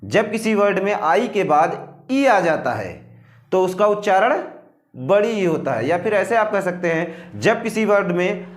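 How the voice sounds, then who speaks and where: A man's voice: sits high, big pitch swings, echoey room. A man teaching English pronunciation, spelling words out letter by letter and asking and answering his own questions. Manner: slow, drawn-out dictation of rules to copy down. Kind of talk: classroom-style lesson.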